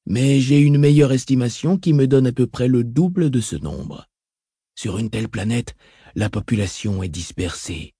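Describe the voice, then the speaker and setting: A man voicing a calm, calculating mentat advisor in an audiobook, soft-spoken and reasoned. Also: medium pitch, normal speed, breathy edge, dry recording, studio quality. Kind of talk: audiobook reading.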